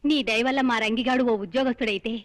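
A woman's voice: a little high, steady tone, fast, slight background noise, close to an everyday voice. An actress playing an older mother who frets and scolds about her children's futures. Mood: fretful. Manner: scolding, fretful. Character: worried older mother of marriageable daughters.

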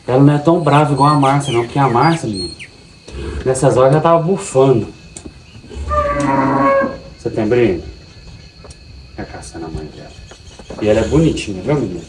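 On a cattle farm, a man narrates a casual vlog, chatting warmly to his cows as a dairy farmer. He speaks at medium pitch with lively intonation, fairly quickly, pausing often, with background noise present. Animals, birds and insects can be faintly heard outdoors.

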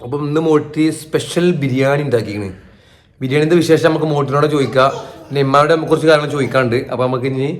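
A man's voice: medium pitch, racing. A man with a Malabar Malayalam accent, chatting casually to camera as a family vlogger and joking with viewers. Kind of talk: casual vlog chat to camera.

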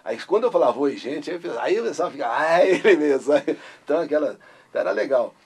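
A man's voice: on the high side, animated, fast talker, breathy edge. An older man from Brazil, a radio host telling his story in an interview and bursting into his catchphrase. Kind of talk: interview recollection.

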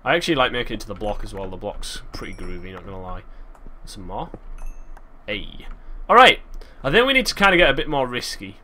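A man giving chatty, excitable gameplay commentary, thinking aloud and breaking into sudden exclamations. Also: fairly low pitch, quick pace. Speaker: gaming channel host.

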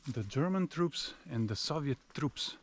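Filming with a handheld action camera at arm's length, a thirtysomething man gives a casual walking-tour commentary, first in a park and then through an empty abandoned mansion. He is a travel vlogger from former Yugoslavia whose native tongue is Serbo-Croatian, so his English phrasing is slightly non-native. He explains things calmly as he goes, in a mid-range voice at a measured pace.

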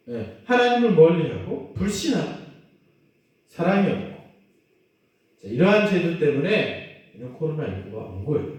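A high-voiced man preaches a children's sermon, his pitch leaping up and down as he quizzes the kids and acts out little quotes. He stands back from the mic in a very echoey church hall. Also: darkish tone. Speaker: children's pastor. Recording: very echoey room, mic at a distance.

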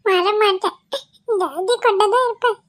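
A woman's voice: extremely high pitch, unhurried, fairly bright tone. A woman voicing a small boy who tearfully pleads for his daddy in a cartoon. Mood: tearful pleading. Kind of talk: cartoon voice acting.

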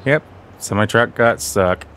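A man's voice: medium pitch, a little slow, fairly bright tone, slight background noise. A man hosting casual game commentary, talking slightly off as he guards a sore, bitten tongue. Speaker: gaming channel host.

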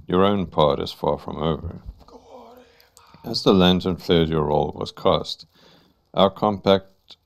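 A man's voice: low-pitched, gravelly, exaggerated voice. A man reading the lines of a sinister troupe master in a stately, theatrical way.

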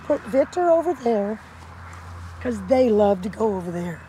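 Woman, hoarse, high-pitched, casual farm vlog, outdoor farmyard, loud chicken clucking behind. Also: sing-song, moderate pace, a little hiss or hum, low-quality recording. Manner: chatty, coos high at animals. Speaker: farm vlogger. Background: chickens and rooster.

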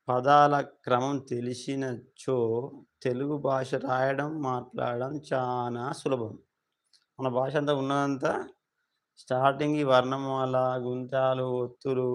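Guy teaching letters live, says each one over and over, pretty flat voice, mid pitch. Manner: slow, repetitive letter-by-letter drilling. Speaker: Telugu teacher. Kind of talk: live alphabet lesson.

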